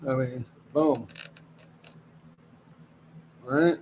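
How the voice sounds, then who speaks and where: A man's voice: mid-range voice, very slow, highs cut off, background noise. A man hosting a live stream, talking casually and rambling as he greets viewers and goes through items. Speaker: live stream host running a silver auction.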